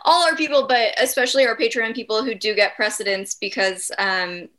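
Bright, playful woman podcast co-host. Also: fairly high pitch, fairly even intonation. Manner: playful, quick to laugh, jokey. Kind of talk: casual chat.

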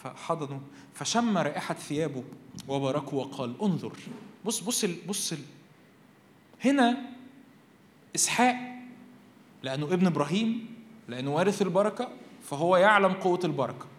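A young man preaching a lively sermon to a youth meeting in Egyptian Arabic, animated and asking his listeners questions. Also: on the high side, brisk, pauses often, slight background noise. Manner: animated, asks the crowd questions and acts out voices. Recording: reverberant hall.

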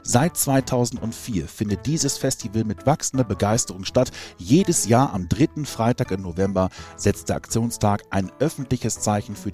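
Male host, scripted announcement, lowish voice, faint music behind. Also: warm tone. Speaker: club media host.

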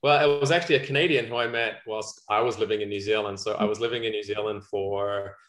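A man's voice: fairly low pitch, steady tone, fast, a bit bright, echoey room. A man with an Australian accent, a guest on a podcast talking in a friendly, chatty way with lots of "uh" fillers. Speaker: guest, commercial photographer. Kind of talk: casual podcast conversation.

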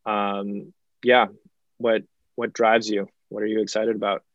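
A man's voice: fairly low pitch, no echo, highs cut off. A man hosting a podcast, talking casually with many fillers and restarts. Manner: relaxed, halting, many fillers. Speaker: podcast host.

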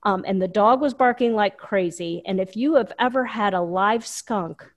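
A woman telling a personal story in casual chat, animated and full of fillers. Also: mid-range voice, normal speed. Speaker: guest storyteller.

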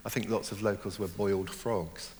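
A man's voice: fairly low pitch, fairly even intonation, normal speed, a little mellow, big-room sound, a little hiss or hum. Thoughtful, hesitant middle-aged man novelist. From born in Germany, raised in Hong Kong. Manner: thoughtful, hesitant, many fillers and restarts. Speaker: novelist, interview guest. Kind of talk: reflective interview conversation.

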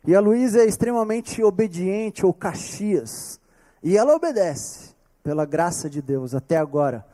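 A man with a Brazilian accent preaching a sermon, telling a personal story earnestly and slowing down on key words. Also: high voice, animated, warm tone. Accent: Brazilian Portuguese. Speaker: pastor.

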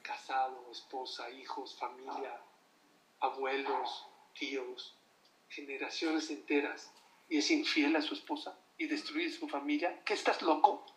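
A man preaching as a rabbi, emphatic, swinging between loud outbursts and low asides. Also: little pitch movement, measured pace. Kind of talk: sermon. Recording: roomy, from a distance.

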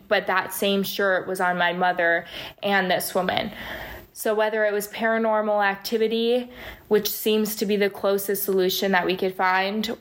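Flat-voiced woman telling a story. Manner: flat, steady storytelling voice with few pitch swings. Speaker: interviewee recounting a paranormal experience. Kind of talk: personal storytelling in an interview.

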